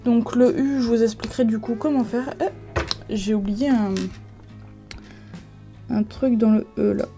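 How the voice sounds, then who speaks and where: A craft video creator from France talks through a tutorial at home over music, her fairly high voice steady and a little slow with long pauses. She's casual and chatty, using lots of fillers and often restarting her sentences.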